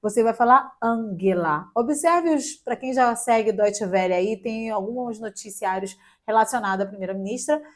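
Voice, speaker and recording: A young Brazilian woman giving a casual online German lesson, spelling letters out slowly and adding light jokes. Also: fairly high pitch. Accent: Brazilian Portuguese. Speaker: German teacher.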